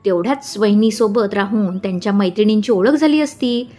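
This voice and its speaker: A woman's voice: medium pitch, fairly quick, warm tone, faint music behind, natural voice. A woman reading the lines of a teasing, pouting young male assistant in a storybook.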